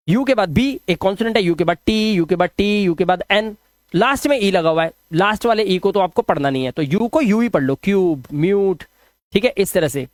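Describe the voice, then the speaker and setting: A man teaching English pronunciation, chatty, sounding out example words slowly and speaking to viewers as friends. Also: high voice, no room sound. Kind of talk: spoken lesson on English spelling rules.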